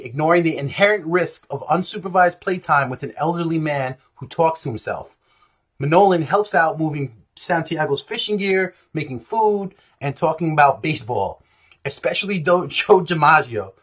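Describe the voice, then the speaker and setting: Husky-voiced joking man hosting a vlog. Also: fairly high pitch, a bit bright. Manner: jokey, irreverent, profane asides. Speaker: comics channel host. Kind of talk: casual comedic vlog reading.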